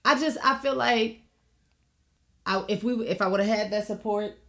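A young woman on a casual podcast, telling lively stories and acting out her relatives' voices. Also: mid-range voice, moderate pace. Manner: animated storytelling, acts out relatives' voices; frequent "you know what I'm saying". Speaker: podcast co-host. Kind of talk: casual chat.

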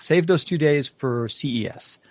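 A man's voice: a little high, measured pace, dry recording. Male podcast co-host, casual rambler, many restarts and fillers, dry close mic. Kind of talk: casual tech podcast chat.

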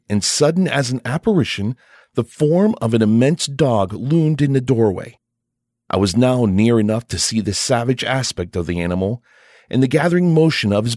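A man reading a classic short story aloud as an audiobook narrator, in a measured, unhurried way. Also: medium pitch, darkish tone, no room sound, clean studio sound. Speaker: audiobook reader. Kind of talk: scripted narration.

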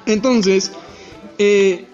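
A man co-hosting a podcast, recapping an anime episode in animated, rambling casual chat. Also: high voice, extremely slow. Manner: animated, rambling, self-deprecating. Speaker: podcast co-host. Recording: slightly dull podcast audio with faint music.

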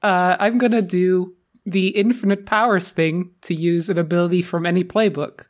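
A player in a tabletop game, thinking aloud haltingly with many fillers while describing their character's moves. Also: medium pitch, fairly even intonation. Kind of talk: casual tabletop play.

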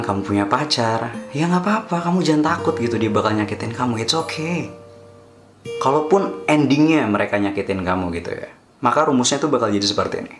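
A man talking casually to his vlog viewers in a chatty, reassuring way, switching between Indonesian and English. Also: mid-range voice. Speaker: vlogger. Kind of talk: casual talk to camera. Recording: echoey room with soft guitar music.

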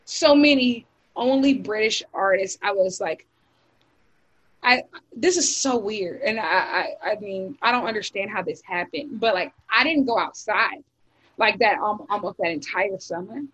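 Young woman, from the United States, podcast chat, chatty, lots of fillers and restarts, mid-pitched voice. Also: measured pace, fairly bright tone, low-quality recording. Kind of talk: casual group chat.

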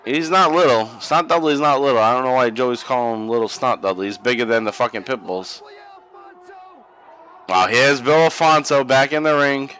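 A man's voice: mid-range voice, moderate pace, fairly bright tone, clean tone, poor audio. A young man co-hosting a podcast, watching old wrestling and chatting casually, profane and laughing a lot. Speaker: podcast co-host. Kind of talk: casual watch-along commentary.

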